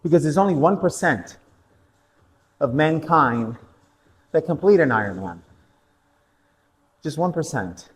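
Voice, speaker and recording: A man's voice: on the high side, expressive, unhurried, long pauses, in a large hall, poor audio. A man coaching an indoor cycling class, telling a personal race story between motivational interval cues and countdowns.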